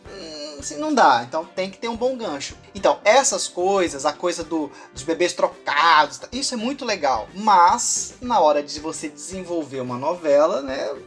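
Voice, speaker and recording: A man, co-hosting a podcast and talking in a critical, analytical, measured way. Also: on the high side, big pitch swings, fairly bright tone, faint music behind. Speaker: podcast co-host. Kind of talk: casual chat about TV soap operas.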